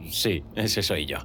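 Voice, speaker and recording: A man with a Castilian Spanish accent playing a quiet, friendly café worker in an erotic audio drama, casual and gently flirtatious. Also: low-pitched, heavily acted. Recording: noticeable background noise.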